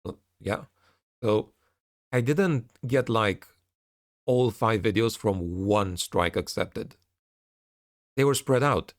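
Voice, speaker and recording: In a clean studio recording with no echo, a man with a lowish voice gives a casual video update, speaking slowly and pausing often. He reads out messages and comments on them, frequently repeating himself and restarting phrases.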